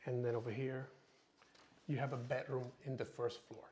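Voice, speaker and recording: A real estate agent leads a casual tour of an empty new house, his informal sales patter often punctuated by "okay." He speaks at normal speed in a medium-pitched, level, darkish voice. The recording carries a little hiss or hum and the echo of bare rooms.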